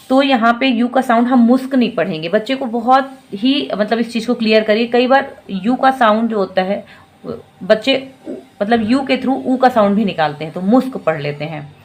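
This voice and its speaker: A woman teaching parents how to help children learn fruit spellings. She breaks each word into sounds and repeats them slowly and patiently. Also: a little high. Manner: slow, drawn-out syllable-by-syllable spelling; patient and instructive. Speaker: teacher giving parenting tips.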